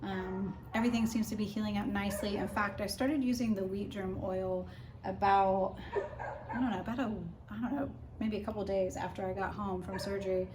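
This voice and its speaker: A woman vlogger with a steady, mid-range voice talks briskly and casually, sharing practical tips as part of a personal recovery update. Background noise is clearly audible in the recording.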